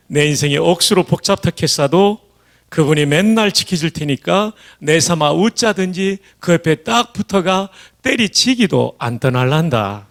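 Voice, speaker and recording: A man reciting a psalm in a broad Gyeongsang dialect, loud and folksy. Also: fairly high pitch.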